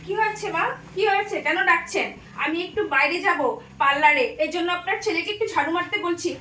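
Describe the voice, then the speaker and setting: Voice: extremely high pitch, quick pace, slight background noise. A child playing a bossy young wife in a comic family skit, who talks back curtly to her mother-in-law. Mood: irritated. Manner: coaxing, then curt and defiant. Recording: echoey room, far mic, loud music behind.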